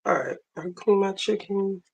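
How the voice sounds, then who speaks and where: A woman with a hoarse voice chatting casually on a livestream while she cooks in her kitchen. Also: medium pitch, normal speed, dull audio. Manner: chatty, multitasking while cooking. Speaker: livestream host. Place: home kitchen, running water. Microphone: phone camera.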